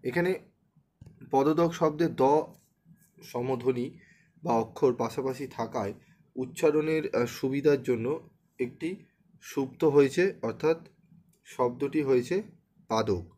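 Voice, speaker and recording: A man's voice: medium pitch, a little slow, long pauses, a little mellow. A man teaching an exam-prep lesson to students, often checking in with rhetorical questions and repeating key points. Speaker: exam tutor.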